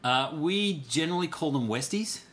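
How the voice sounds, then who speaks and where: A man's voice: a little high, expressive, fairly bright tone. A man from Australia with a mild Australian accent, co-hosting a podcast in casual, wry chat and laughing often. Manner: chatty, quick to laugh, wry asides. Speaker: podcast co-host.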